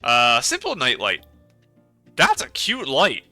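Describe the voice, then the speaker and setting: A man's voice: mid-range voice, huge pitch swings, takes it slowly, sharp tone, dry recording, soft background music. A man hosting a let's play, chatting casually and rambling about the game. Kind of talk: casual gameplay commentary.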